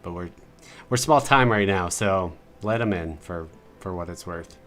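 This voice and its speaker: A man co-hosting a casual livestream chat about tabletop games, relaxed and asking the others questions. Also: sits low, unhurried, soft background music. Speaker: podcast co-host.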